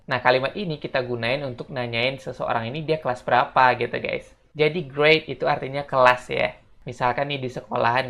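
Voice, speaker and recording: A casual language teacher explaining everyday phrases, slowing down to model each one and often tagging "gitu, guys". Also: mid-range voice, gravelly, fairly bright tone. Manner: slows down to model English phrases. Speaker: English teacher.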